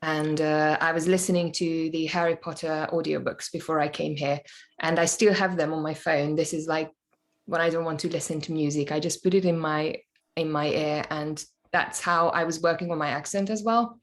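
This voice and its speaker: She is a Hungarian actor, a native speaker of Hungarian, appearing as a guest on a podcast for an easygoing interview chat. Her low voice is steady in tone at a normal speed, and she's thoughtful, searching for words.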